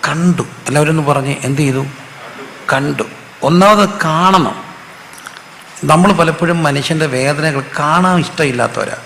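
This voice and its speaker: Gravelly pastor in an echoey hall. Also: male voice, on the high side, a little slow, long pauses, sharp tone, a little hiss or hum. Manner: call-and-response preaching, asks the audience to repeat answers; storytelling with humor. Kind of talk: sermon. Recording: echoey hall with faint ambience.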